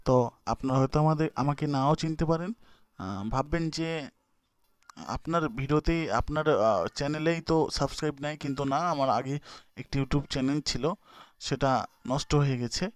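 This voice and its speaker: In this casual screen-recorded app tutorial, a young male YouTuber talks fairly quickly but leaves long pauses. His voice is on the high side, smooth and fairly even in tone, with no room sound, and he hesitates often, using many fillers and restarting sentences.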